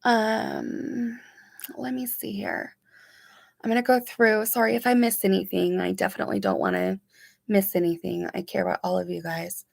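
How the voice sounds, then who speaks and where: A woman reading viewer comments aloud on a casual live stream from her room at home, answering each one warmly and softly. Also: mid-range voice, fairly even intonation, fairly quick, gravelly, no echo, studio quality. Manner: warm, chatty, reads comments aloud and responds softly. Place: home room with curtains and sunlight.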